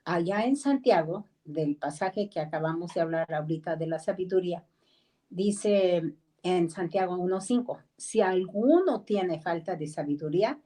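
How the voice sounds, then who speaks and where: A woman's voice: lowish voice, mellow, low-quality recording. Mexican woman teaching an online Bible class. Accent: Mexican Spanish. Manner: conversational, acts out quoted voices, pauses to ask people to mute. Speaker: discipleship teacher.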